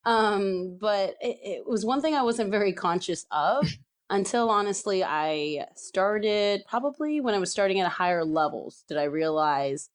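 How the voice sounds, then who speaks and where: A woman in her thirties from California, a soccer referee telling her story in a relaxed podcast interview, chatty with many fillers and laughs. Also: mid-range voice, unhurried. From San Diego, California.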